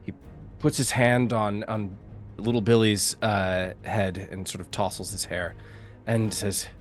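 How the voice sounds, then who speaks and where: A man narrating a tabletop game as game master, speaking haltingly and searching for words. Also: on the low side, fairly even intonation, soft background music. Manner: halting, full of fillers and restarts.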